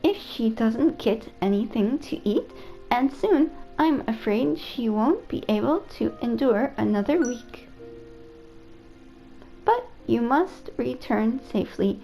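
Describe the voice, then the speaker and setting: A woman's voice: on the high side, lively intonation, slow pace, gravelly, dark tone, faint music behind, full character voice, rough recording. A woman reading aloud the lines of a polite, worried robot AI caretaker from a video game, in her own plain voice. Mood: earnest.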